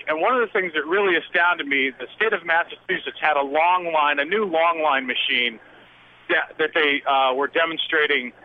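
A middle-aged man calling in over a clipped phone line from a vehicle on the highway, telling a rambling story in a quick, chatty way. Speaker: caller. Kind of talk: call-in storytelling. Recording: tinny phone line with faint road noise.

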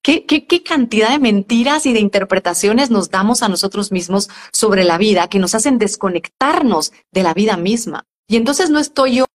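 An adult woman, a guest on a live stream, talking in a calm, reflective self-help style. She explains things step by step and often repeats and corrects herself. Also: mid-range voice, normal speed, few pauses. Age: adult with a school-age daughter. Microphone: live video stream.

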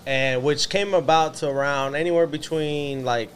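A man's voice: fairly high pitch, moderate pace, clean tone, soft background music. A man being interviewed as a restaurant owner, chatting casually in an easygoing bro style. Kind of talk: casual chat.

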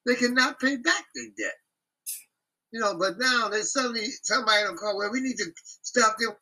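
Man, high voice, husky, lively blunt profane talk, casual group chat. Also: normal speed, low-quality recording. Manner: blunt, profane, animated ranting.

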